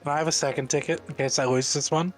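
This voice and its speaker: A man's voice: a little high, steady tone, fast, soft background music. A man playing a tabletop game, stating his actions in a matter-of-fact way. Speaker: player. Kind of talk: casual tabletop play.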